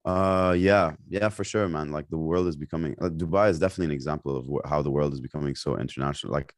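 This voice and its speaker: Podcast guest: young man from Lebanon, very low voice, loose chatty delivery full of fillers. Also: fast, no room sound, studio quality. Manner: rambling, many fillers and restarts. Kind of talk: casual interview chat.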